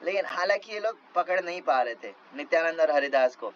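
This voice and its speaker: A man's voice: on the high side, animated, brisk, muffled recording, a little hiss or hum. A man retelling a devotional legend in a casual, chuckling way, reading passages then explaining them. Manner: chuckles often, conversational fillers. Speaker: devotional storyteller.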